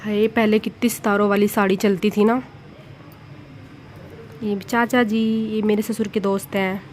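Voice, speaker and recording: A chatty woman in her thirties talks through her old wedding photos in a homely, amused way. Her voice sits at an ordinary middle pitch. A faint hum of background noise runs under the talk. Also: flat delivery, a little slow. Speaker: vlogger. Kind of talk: casual chat narrating wedding photos.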